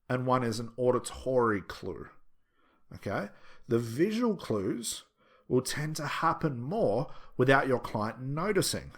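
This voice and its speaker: A man's voice: mid-range voice, fairly bright tone. A man giving an instructional lecture in a conversational, explanatory style, stressing and repeating his key points as a teacher does. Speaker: hypnosis instructor.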